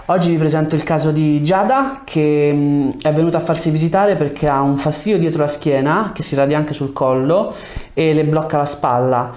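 This chiropractor in his thirties has a fairly high, darkish voice at a normal speed. Working in a small indoor treatment room with a lapel mic, he gives a patient brief clinical instructions and asks short, directive questions.

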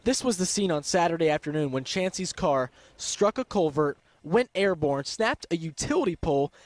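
A man reporting live from the field for a local news broadcast, in a clear, measured delivery. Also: fairly high pitch.

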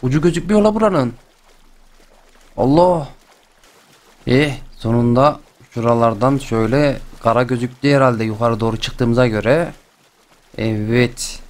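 A young man hosting a game channel, chatting and joking excitedly as he plays. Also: mid-range voice, a little slow, pauses often. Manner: chatty, excitable, jokes and exclamations. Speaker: gaming channel host. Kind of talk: playful let's-play commentary.

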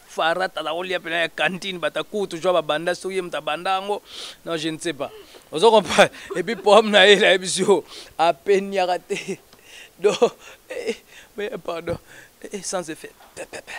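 A man talking in an animated, casual way, switching between Lingala and French. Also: high-pitched, normal speed.

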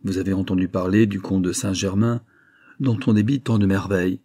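A man narrating a classic novel as an audiobook in a steady, measured storytelling voice. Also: on the low side, slightly rough, dry recording, studio quality.

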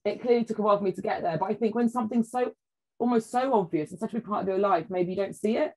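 A woman's voice: mid-range voice, very fast, poor audio. Chatty woman telling stories. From England. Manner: animated storyteller, acts out quoted voices, frequent "like" and "you know". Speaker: podcast guest, food writer. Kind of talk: casual chat.

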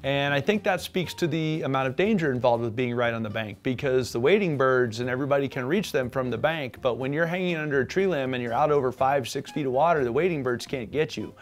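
A middle-aged man hosting a fishing show, calmly explaining the day's results from an indoor studio. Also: mid-range voice, fast, hardly any pauses. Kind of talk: studio recap narration. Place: indoor studio with tackle wall.

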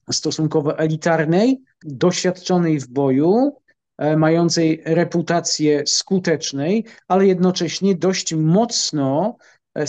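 This middle-aged man from Poland, a military analyst, responds to an interviewer slowly and deliberately, stopping often with fillers. His voice is slightly high and darkish, and the recording has its highs cut off.

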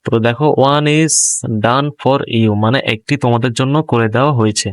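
A male teacher talks a class of young pupils through a textbook page, stopping to ask them questions. His voice is smooth and clear, at a middle pitch. The sound is close and dry. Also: fairly even intonation, normal speed, no echo. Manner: explains each English word in Bengali, asks pupils questions. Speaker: primary school English teacher. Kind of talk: explaining a textbook lesson.

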